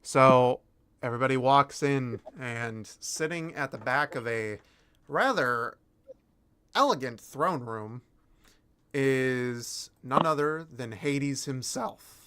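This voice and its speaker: Slow, crisp man running a tabletop game. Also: medium pitch, fairly bright tone, no echo. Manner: halting, pausing mid-phrase. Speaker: game master. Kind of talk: improvised tabletop game narration.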